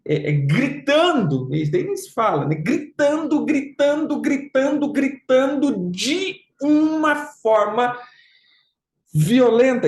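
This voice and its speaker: Emphatic pastor in an echoey room. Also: male voice, sits high, a little mellow. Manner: emphatic, repeats phrases, mocks with put-on quotes. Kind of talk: conversational sermon. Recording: roomy echo.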